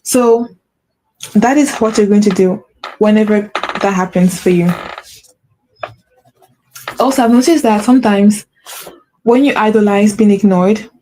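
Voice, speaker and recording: This warm, mid-range voice belongs to a spiritual coach delivering a solo motivational podcast episode on a low-quality recording. She speaks earnestly, repeats herself, asks "right?" frequently, corrects herself, and notes that she has a slight stutter.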